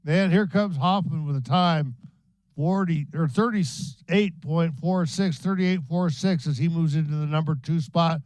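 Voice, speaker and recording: A man's voice: fairly high pitch, unhurried, a little mellow, no echo, low-quality recording. A man giving playful color commentary on a ski race, joking with his co-announcer. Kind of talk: live sports commentary.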